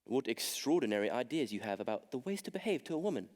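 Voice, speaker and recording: A young man plays a proper gentleman who is tired of everything, in a school stage comedy. His delivery stays dry and weary. His pitch swings widely from line to line. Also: very animated, fast, natural voice. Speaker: stage actor in a school play.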